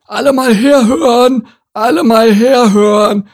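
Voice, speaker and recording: High, self-important spider announcer for a children's audiobook; gravelly, husky, loud proclaiming. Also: male voice, lively intonation, moderate pace, exaggerated voice. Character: pompous male harvestman spider announcer.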